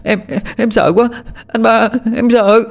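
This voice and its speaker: A man voicing an eerie, frightened little girl who speaks in small, halting phrases in a spoken ghost story. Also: high voice, pitched above the performer's own voice. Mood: scared, tearful.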